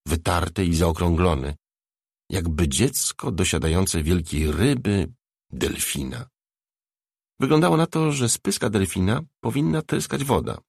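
Male audiobook narrator, low gravelly voice with a dry close sound, measured storytelling. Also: dry recording. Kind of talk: scripted narration of a novel.

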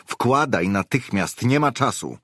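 A man voicing an agitated, urgent male character in an audiobook, raising his voice and shouting at times. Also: mid-range voice, expressive, unhurried, breathy edge, dry recording, studio quality, pitched above the performer's own voice. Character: agitated man, frantic then relieved.

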